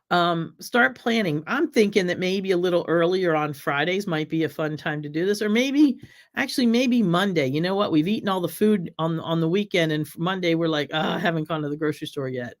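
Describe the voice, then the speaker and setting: The host of a casual cooking livestream, a middle-aged woman from the US, speaks with a fairly low, slightly raspy voice while recovering from an illness. She's chatty and friendly, rambles with many ums, and reads viewer comments aloud.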